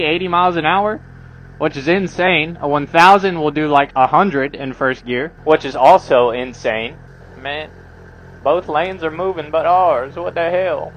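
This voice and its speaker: A motorcycle vlogger talks casually to viewers as he rides on the road outdoors, using slang and plenty of profanity. He has a slightly high, bit bright voice, captured with dull audio amid loud engine and traffic noise.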